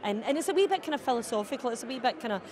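Brief: Scottish woman, comic guest, lively and self-deprecating, fairly high voice. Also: very fast, a crowd in the background, noisy background. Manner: chatty, self-mocking, lively. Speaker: comedian guest. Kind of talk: live TV interview at an event.

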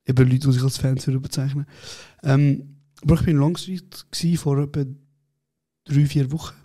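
A man co-hosting a casual podcast, telling animated, slangy anecdotes and laughing often. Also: medium pitch, normal speed. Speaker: podcast co-host. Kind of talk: casual chat, storytelling.

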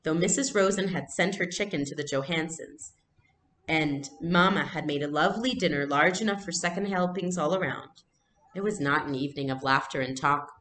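A young adult woman gives a read-aloud lesson from a small furnished room at home, narrating and explaining like a teacher into a computer mic. Her voice is low-pitched and a bit bright, at normal speed. The recording is reverberant, with a little hiss or hum.

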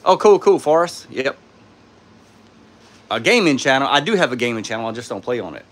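Male streamer, sore throat, tired and laid-back, mid-pitched, phone mic in a home studio. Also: expressive, fairly quick, a bit bright. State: sore throat, speaking softly. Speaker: YouTuber hosting a live stream. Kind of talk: casual live-stream chat, reading out and answering viewer comments. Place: indoors in his home studio.

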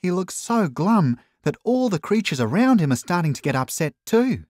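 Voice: mid-range voice, wildly swooping pitch, normal speed, darkish tone, no room sound, clean studio sound. A reader voicing a concerned female dog crew member in a children's storybook, speaking earnestly. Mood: worried. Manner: worried, earnest.

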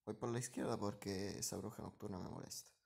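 A man's voice: lowish voice, fairly even intonation, quick pace, gravelly, darkish tone. A man talks over his own gameplay in a running commentary. He drops to mutters between moves and jumps up in energy whenever the action swings, repeating short phrases as he goes. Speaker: gaming streamer.

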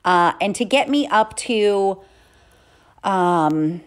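A woman's voice: medium pitch, animated, extremely slow, clean tone. A middle-aged woman vlogging her drugstore shopping trip, chatting through prices and coupon deals step by step as she walks the aisles with a handheld phone. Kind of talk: casual shopping vlog narration. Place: inside a drugstore, walking the aisles.

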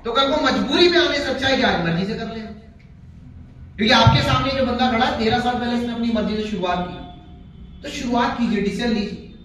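A man giving an energetic, joking motivational speech to a live audience in a hall. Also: extremely high pitch, a little fast. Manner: energetic, jokey and preachy. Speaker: motivational speaker. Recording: very echoey hall, distant mic, faint noise.

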